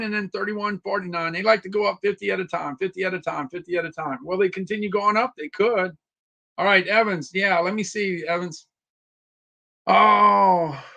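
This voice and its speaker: A man with a high, creaky, bright voice and a forceful tone hosts a casual live stream reviewing deals. He's chatty and repetitive, greeting viewers by name, and his voice sounds a little worn.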